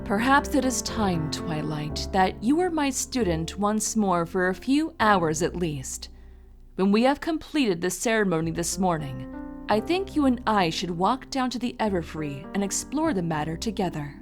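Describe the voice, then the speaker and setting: A serene, benevolent pony princess voiced by a woman in a fan audio drama. She speaks in gracious, formal phrases with a lively, sweeping intonation. Loud music plays behind her. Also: medium pitch, moderate pace, natural voice. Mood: gently instructive. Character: regal, serene, wise pony princess ruler, benevolent mentor.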